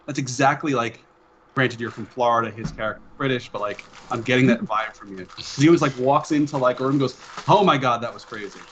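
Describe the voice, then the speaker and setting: A man's voice: mid-range voice, quick pace, fairly bright tone, muffled recording, a little hiss or hum. Rambling man running a tabletop game. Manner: loose, rambling, swears, laughs often. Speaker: game master.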